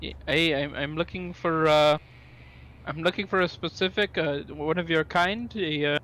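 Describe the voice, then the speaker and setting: Higher-pitched man, halting tabletop player. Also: fairly bright tone, slight background noise, poor audio. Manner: halting, hesitant. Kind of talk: casual in-character role-play.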